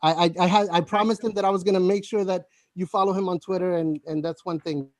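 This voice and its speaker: A man, a campaign volunteer, chatting on a video call, halting and stuttering through many restarts. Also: sits high, steady tone, no echo. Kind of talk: casual video-call chat.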